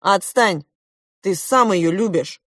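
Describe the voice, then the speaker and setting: A woman reading a storybook aloud and voicing a jealous, hot-tempered boy who shouts his retorts. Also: mid-range voice, animated, takes it slowly, no echo, studio quality. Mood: angry.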